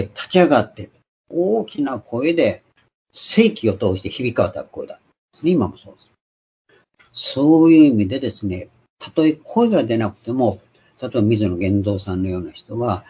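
Husky lo-fi pastor, lively. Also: male voice, mid-range voice. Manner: emphatic, raises voice sharply for quoted exclamations. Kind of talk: sermon. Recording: dull lo-fi recording.

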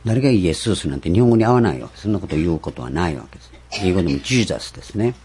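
A man preaching a sermon, stressing points with rhetorical questions and slowing down for scripture. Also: low voice, big pitch swings, darkish tone, slight background noise. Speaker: pastor.

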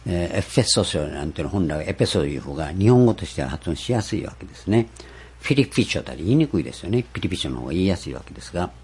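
Male pastor, low husky voice, lively emphatic sermon delivery. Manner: emphatic, rhetorical questions, slows down to stress scripture.

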